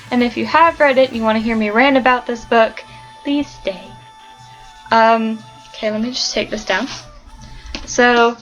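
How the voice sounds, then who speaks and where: A woman's voice: fairly high pitch, low-quality recording. A woman talking casually about a book she loves, gushing and ranting with plenty of fillers. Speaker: book vlogger. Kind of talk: casual book review chat.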